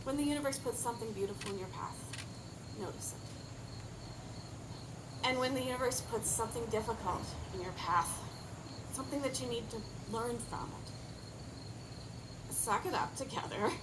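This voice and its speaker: Woman, wedding officiant, ceremony speech, raised pitch, emphatic phrasing, lightly humorous, noticeable background noise. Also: moderate pace, long pauses. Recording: clear insect and outdoor background noise.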